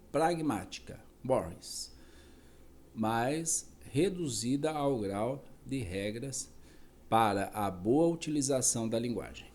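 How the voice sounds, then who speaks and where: A man reads a dense academic text at a slow, deliberate pace. His voice is dark and mellow, with an even, average pitch. He stops now and then to correct a word or to add a quick aside. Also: a little hiss or hum. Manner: slow, careful reading with self-corrections and asides. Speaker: reader. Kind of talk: reading a philosophy text aloud.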